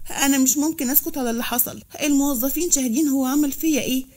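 A woman's voice: sits high, steady tone, very fast, warm tone, natural voice. A woman voicing a scheming young secretary in an Egyptian accent, switching from tearful pleading to sly. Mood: distressed.

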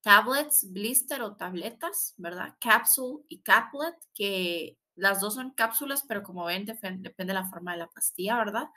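Bright-voiced woman teaching English. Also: medium pitch, animated. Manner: explains in Spanish, models English words slowly, adds tag questions. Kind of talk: recorded online language lesson.

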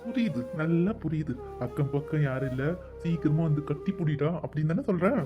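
A woman's voice: low voice, animated, fairly quick, lo-fi sound. A woman voicing Kathir, a playful, devoted young man in a cartoon, coaxing, teasing and protective. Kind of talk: cartoon voice acting. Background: background music.

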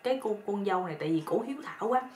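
Kindly old father-in-law, soft and coaxing, read by a woman narrator, roomy echo. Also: medium pitch, lively intonation, rapid-fire, close to an everyday voice. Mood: gentle. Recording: roomy echo with faint noise.

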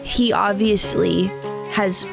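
A woman's voice: mid-range voice, fairly even intonation, slow, creaky, over music. A young woman giving casual commentary as a co-host on a close studio mic. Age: young adult. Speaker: reaction show co-host. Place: small studio with foam panels. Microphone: close boom podcast mic.

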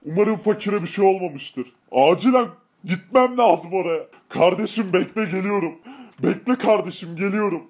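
Dude doing voices for a game video drama, kinda high voice, worried and in a rush. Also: male voice, normal speed, darkish tone. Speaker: video creator voicing all parts.

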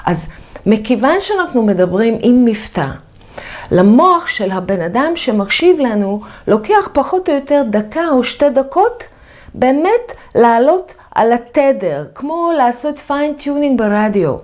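A woman who teaches English, giving a video lesson about accent in a lively, emphatic way and repeating her key points. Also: fairly high pitch.

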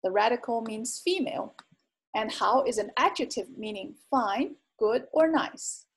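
Slow, patient woman teaching words. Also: a little high, expressive. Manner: patient, repeats each word twice with careful tones. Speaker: Chinese language teacher. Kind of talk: slow explanatory lesson narration.

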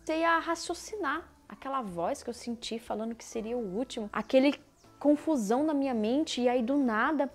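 A woman with a Brazilian Portuguese accent tells a personal faith testimony in a casual, slangy way. She re-enacts her own dialogue and often drops to a hushed voice. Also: high-pitched, lively intonation, brisk, soft background music.

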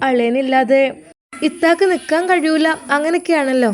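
A woman playing a caring young sister-in-law who asks anxious, quick questions. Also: sits high, natural voice. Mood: worried.

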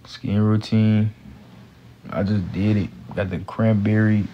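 A young American man chatting casually on a livestream, answering comments in a tired, laid-back, slangy way with a gravelly voice. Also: fairly low pitch, steady tone, takes it slowly. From Gary, United States. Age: young adult. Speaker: live streamer, actor. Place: small room indoors, lying down. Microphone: handheld phone at close range. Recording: muffled phone livestream with background noise.

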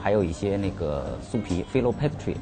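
Chef guy, really low voice, going through dishes, music behind. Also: sing-song, fairly quick. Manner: plain, matter-of-fact with filler "啊". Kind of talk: explaining dishes.

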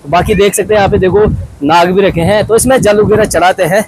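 A man's voice: high-pitched, quick pace, slightly rough. A young man from Uttarakhand narrating a casual travel vlog outdoors, chatty as he points things out to viewers. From Uttarakhand, India. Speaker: vlogger. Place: outdoors at hill temples and a riverside.

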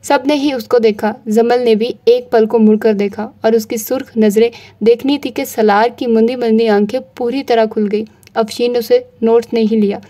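A woman reads a romance novel aloud as an audiobook narrator with a steady storytelling delivery. Her voice is fairly high and soft, mellow in tone. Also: normal speed, few pauses.

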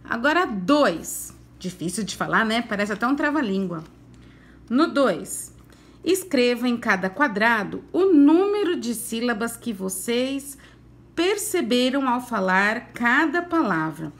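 A woman's voice: on the high side, big pitch swings. A woman teacher with a Brazilian Portuguese accent, giving a recorded lesson to young children in a coaxing tone full of diminutives. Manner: slow, sing-song, coaxing with diminutives. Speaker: primary school teacher.

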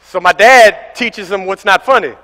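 A young man preaching a sermon as pastor, animated and telling stories with acted-out voices. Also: sits high, moderate pace. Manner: animated storytelling, acting out voices. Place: large church hall. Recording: echoey church hall.

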